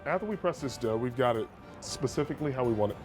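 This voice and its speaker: A man from a pizza restaurant, describing the place and making a pizza in a steady, matter-of-fact way. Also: mid-range voice, quick pace, over music. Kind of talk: interview and cooking demonstration.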